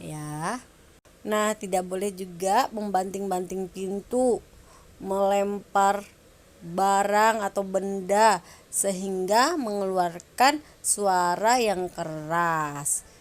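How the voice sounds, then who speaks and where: A woman teaching a primary school class online, speaking gently and coaxing her pupils with frequent "ya". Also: medium pitch. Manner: gentle, coaxing, adds "ya" to sentences.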